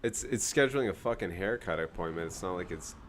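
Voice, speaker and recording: Blunt, crude-talking man with a low voice. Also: lively intonation, quick pace. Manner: blunt, crude, heavy swearing. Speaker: podcast co-host. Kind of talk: casual chat.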